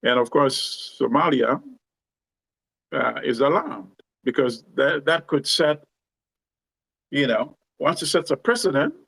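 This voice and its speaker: A man talks as an interview guest, laying out his reasoning in a measured, explanatory way. His voice has a gravelly edge and a middling pitch, and it sounds dry and close with little room. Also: lively intonation, fairly bright tone, no room sound, low-quality recording. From Uganda. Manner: measured, explanatory, tags points with "you know" and "right?". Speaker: guest commentator. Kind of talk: conversational discussion.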